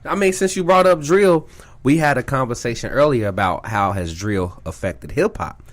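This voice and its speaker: A man's voice: mid-range voice, expressive. A male co-host on a radio show, speaking in an easy, slangy way. He keeps up a stream of reactions and short interjections around the guest. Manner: laid-back, slangy, quick to laugh along.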